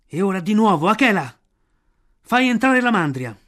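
A man's voice: high voice, moderate pace, pitched above the performer's own voice, close to an everyday voice. A man voicing a proud, defiant young man raised among wolves, in an audiobook.

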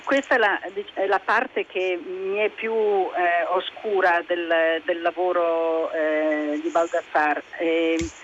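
A woman calling in as a guest expert over a phone line, explaining research hesitantly with many pauses and restarts. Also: fairly low pitch, level tone. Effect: heard over a phone line. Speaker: guest expert on a radio call-in. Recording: dull phone line with faint noise.

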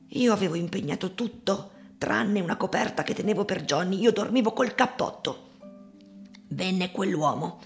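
A woman's voice: deep voice, gravelly. A woman voicing a poor old woman who is recalling hard times, in a plain, sorrowful audiobook reading.

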